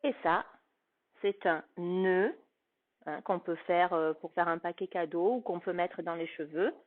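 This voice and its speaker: A woman's voice: on the low side, a little slow. A woman teacher giving a phonics lesson to a young child, with patient, carefully articulated speech. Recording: tinny phone-like sound.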